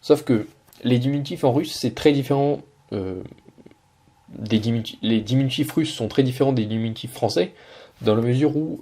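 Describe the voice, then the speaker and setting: A man's voice: mid-range voice, warm tone. A man teaching Russian in French, patiently breaking down a video line by line with frequent hesitations. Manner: patient, many hesitations and self-corrections. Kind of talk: explaining a video lesson.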